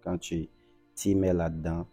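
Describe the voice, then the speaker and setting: A man from Africa, a banker, calmly giving advice as an interview guest. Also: sits low, unhurried, soft background music. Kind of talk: casual interview conversation.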